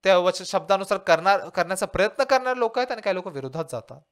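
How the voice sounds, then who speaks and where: A man's voice: high voice, animated, fast talker, a bit bright. A male pastor preaching a sermon and asking his listeners rhetorical questions.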